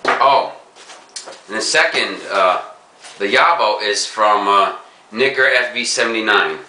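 A young man talking casually and crudely in an unboxing vlog, excitable and swearing freely. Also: on the low side, unhurried, distant mic, noisy background. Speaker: pipe-smoking video blogger. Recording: echoey room, from off-mic.

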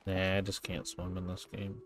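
A man's voice: deep voice, monotone, moderate pace, fairly bright tone. A man playing a horror game on a let's play, joking casually with his co-host. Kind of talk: casual gameplay commentary. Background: game music.

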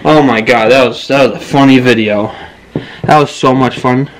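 A man's voice: medium pitch, fairly even intonation, moderate pace, slight background noise. A man co-hosting a casual vlog at home, joking and laughing along. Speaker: vlog co-host. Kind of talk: casual chat. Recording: echoey, distant room sound.

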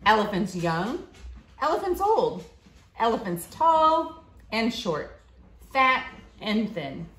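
She reads slowly and expressively, with lively pitch, working through a picture book with a child and pausing to ask questions. Her phrasing is simple, clear and teacherly, as befits a school staff member. She sits on a leather couch in the living room, filmed from a short distance in an echoey, roomy space.

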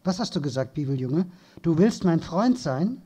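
A man's voice: a little high, sing-song, moderate pace, mellow, slightly rough. A man reading aloud as a sneering teenage boy bully, snarling and contemptuous. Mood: furious.

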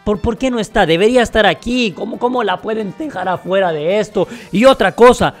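A man reacting to a video game in casual, excitable commentary that he talks straight to his viewers. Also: sits high, a little fast, faint music behind. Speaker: gaming video creator.

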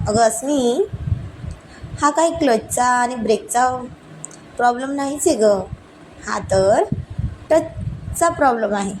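A woman's voice: a little high, expressive, slow, pauses often, slight background noise, poor audio. A woman voicing a playful young man in love, coaxing and teasing his girlfriend.

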